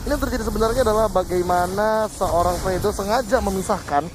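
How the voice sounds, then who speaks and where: Male esports caster, Indonesian accent, analytical commentary, high voice, fast delivery, English phrases mixed in. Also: over music. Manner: explanatory, mixes English phrases into talk.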